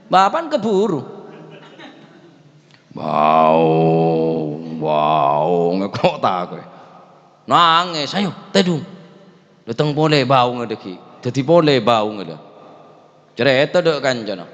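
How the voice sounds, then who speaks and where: Animated male preacher in a reverberant prayer room. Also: measured pace. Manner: mixes Madurese and Javanese words into Indonesian, recites Arabic; swings from loud high exclamations to low quiet asides. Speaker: preacher teaching a religious text. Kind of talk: sermon. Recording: dull livestream audio with long reverb.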